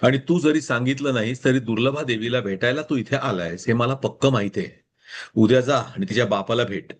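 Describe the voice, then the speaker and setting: A man's voice: medium pitch, brisk, slight background noise, lightly acted. A man doing a wry, teasing sidekick. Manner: wry, mocking. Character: teasing, clever male friend.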